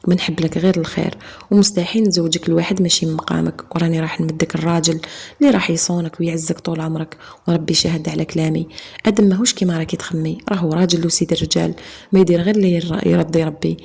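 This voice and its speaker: A woman's voice: on the low side, steady tone, racing, creaky, darkish tone, husky. A woman with an Algerian accent voicing a worried, apologetic middle-aged father in a told story. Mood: pleading. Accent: Algerian Arabic. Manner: grave, apologetic. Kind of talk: storytelling narration.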